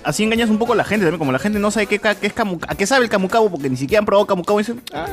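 Fast, animated Peruvian man. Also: high voice, faint music behind. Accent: Peruvian Spanish. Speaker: podcast host. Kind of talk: casual chat.

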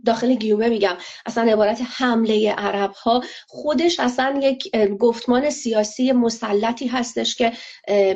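A woman answering interview questions in a measured, analytical way, pausing often with fillers. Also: fairly high pitch, gravelly, a little mellow. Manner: measured, hesitant, many filler pauses. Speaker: interview guest. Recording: lo-fi muffled audio.

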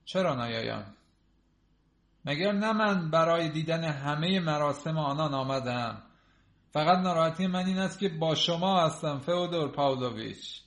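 A man voicing an irritable, proud gentleman who speaks scornfully and cuttingly, recorded in an echoey room. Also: fairly high pitch, lively intonation. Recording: roomy echo.

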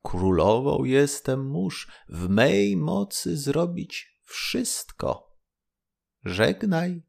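A man voicing a tiny magic golden fish who calls herself queen of the seas, in a thin, pleading, high voice. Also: sing-song, extremely slow, gravelly, a little mellow, exaggerated voice. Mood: gracious.

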